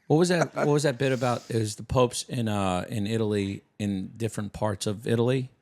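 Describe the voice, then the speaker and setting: Low-voiced joking podcast host. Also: male voice, brisk, a little mellow. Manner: joking, teasing. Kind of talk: casual podcast chat.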